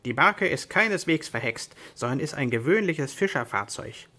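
A man's voice: fairly high pitch, lively intonation, normal speed, sharp tone, full character voice. A man voicing Sancho Panza, a blunt, down-to-earth peasant squire who blurts out his objections. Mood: exasperated. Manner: exasperated, blurting.

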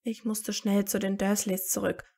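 A woman's voice: medium pitch, little pitch movement, moderate pace, creaky, mellow. A woman doing a wry, tired teenage boy wizard. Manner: dry and sarcastic.

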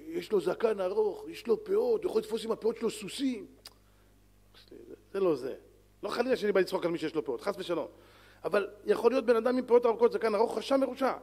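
A man, a rabbi, giving a sermon in an animated, lively way, swinging between loud calls and soft pleading. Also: sits high. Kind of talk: Torah lecture sermon. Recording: long hall reverb.

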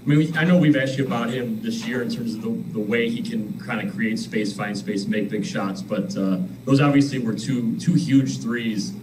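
A man's voice: mid-range voice, steady tone, moderate pace, few pauses. A male reporter asking long, winding questions with hesitant restarts over a remote call. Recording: distant call audio with noise.

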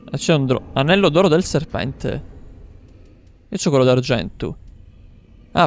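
Animated gamer taunting enemies. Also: male voice, a little high, creaky. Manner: taunting enemies, swearing, laughing. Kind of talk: let's play commentary.

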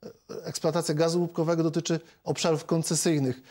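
Male MP, 40s, slightly high and flat delivery, lots of "er" fillers, studio lapel mic. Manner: measured, hesitant, many filler sounds. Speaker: member of parliament. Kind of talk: televised political interview.

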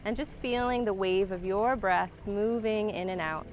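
A woman yoga instructor calmly leading a slow, grounding breath and body awareness exercise in a guided class. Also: mid-range voice. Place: outdoor waterside wooden deck.

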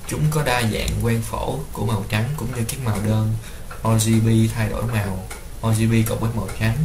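A young man, a student, reading a class report aloud in a steady way. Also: fairly low pitch. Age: young adult. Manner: steady, read-aloud delivery. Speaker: student presenter. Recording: roomy with clear background noise.

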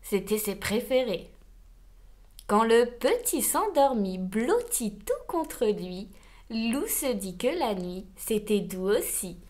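Woman reading a bedtime story, high lively voice, takes her time. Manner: slow, expressive, gentle storytelling.

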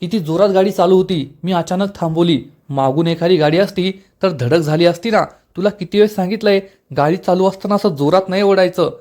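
A man's voice: fairly high pitch, fairly quick, natural voice. A man voicing an irritable young husband who scolds his wife. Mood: irritated.

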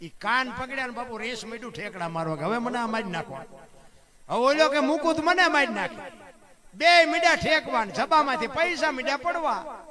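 A man with a Saurashtra Gujarati accent tells a folk tale on a live stage, his voice sitting high and climbing into loud, dramatic bursts as he acts out each character. The crowd can be heard clearly behind him. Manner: animated, acting out characters with rising loud bursts. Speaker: folk storyteller.

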